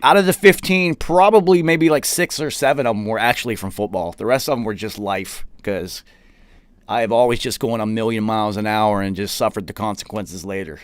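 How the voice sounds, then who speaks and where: A middle-aged man talks with a country Appalachian accent from the West Virginia mountains. His voice is clean and smooth, recorded dry and close. He chats loosely, full of slang, swearing and self-mockery. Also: on the low side, a little fast, no echo. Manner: slangy, profane, self-deprecating. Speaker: host. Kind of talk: casual chat.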